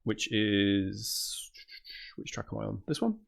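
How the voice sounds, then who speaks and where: A man playing a board game with friends, mumbling and narrating his own moves out loud. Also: lowish voice, sing-song, takes it slowly, vocal fry. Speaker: player in a board game session. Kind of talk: casual gaming chat over voice call.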